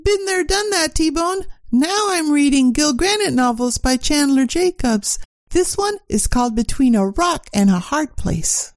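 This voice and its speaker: A woman's voice: sits high, animated, unhurried, dry recording, studio quality. A woman playing a sassy, bossy detective's secretary full of tough slang in a comic radio play. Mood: grumbling, then breezy.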